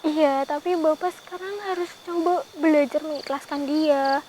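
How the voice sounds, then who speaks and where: A woman investigating the paranormal, who pleads gently and keeps addressing the man she is talking to with a polite title. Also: high-pitched, steady tone, normal speed, a little hiss or hum, rough recording. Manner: gently pleading, repeats "Pak" often. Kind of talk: vlog. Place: outdoors in a forest at night.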